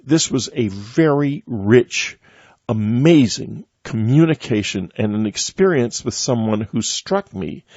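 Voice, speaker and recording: An older man hosting a radio interview, telling a personal story in a reflective, halting way with many restarts. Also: mid-range voice, darkish tone, no echo. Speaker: radio host. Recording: dry, dull lo-fi sound.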